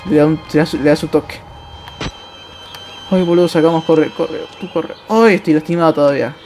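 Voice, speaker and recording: A man with an Argentine accent commenting on a horror game as he plays, jumpy and excitable, yelping, laughing and swearing casually. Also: a little high, brisk, faint music behind. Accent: Argentine Spanish. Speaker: gameplay streamer.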